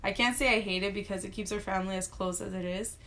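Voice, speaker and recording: A woman's voice: mid-range voice, steady tone, fast talker, a bit bright, a little hiss or hum. A sixteen-year-old girl being interviewed, answering with dry, playful humor. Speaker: interviewee, younger sister.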